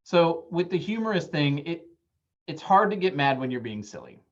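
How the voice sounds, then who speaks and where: A man's voice: fairly high pitch, very animated, normal speed. Chatty man therapist, lo-fi audio. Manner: conversational, acts out quoted voices, frequent fillers. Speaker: therapist giving a presentation. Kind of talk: casual talk-style presentation.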